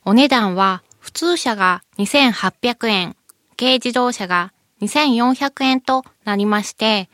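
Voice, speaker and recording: A woman's voice: fairly high pitch, takes it slowly, fairly bright tone, dry recording, clean studio sound. A woman guest with a cute, moe anime-girl voice, politely presenting scripted information as a company representative. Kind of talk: scripted informational interview segment.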